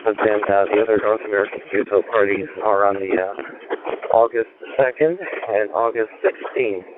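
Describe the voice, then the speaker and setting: A low-pitched man speaks over a two-way radio, his voice narrow and tinny. Clear static hisses under every word. He halts often with filler sounds while reading out call signs and handing the talk to the next operator. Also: steady tone. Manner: halting, many "uh" fillers. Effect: heard over a two-way radio. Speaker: amateur radio operator running a net.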